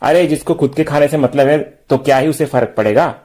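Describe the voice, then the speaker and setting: A man's voice: on the high side, a little fast, darkish tone, close to an everyday voice. A man reading the lines of a hot-tempered young man who talks in blunt street slang, with little change from his own voice.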